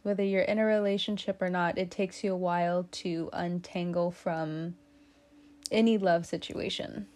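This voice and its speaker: A woman's voice: lowish voice, fairly even intonation, normal speed, darkish tone. A woman giving a casual tarot reading, chatty and teasing, with lots of fillers. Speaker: tarot reader.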